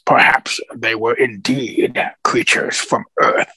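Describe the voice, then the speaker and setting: A man voicing a cold, menacing alien overlord who speaks in a harsh, rasping whisper. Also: medium pitch, fairly even intonation, slow pace, sharp tone, no room sound, full character voice.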